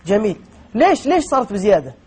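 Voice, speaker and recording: A man's voice: high voice, very animated, quick pace, background noise. A man with a Gulf Arabic accent hosting a casual live phone-in talk show.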